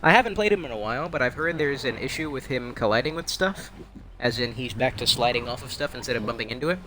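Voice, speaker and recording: Talking fast and expressively at medium pitch, a young man streams his gameplay and rambles through wry commentary, teasing himself and the other players. The background is noisy.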